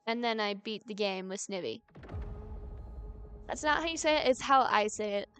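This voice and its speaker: A woman's voice: medium pitch, animated, moderate pace, a bit bright, a little hiss or hum. A woman live streaming in casual chat, rambling, giggly and playfully argumentative, often correcting herself mid-thought.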